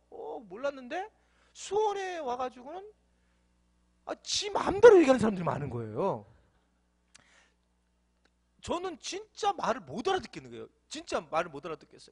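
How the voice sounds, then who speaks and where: A male pastor preaching a sermon in a church, playful and often laughing. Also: extremely high pitch.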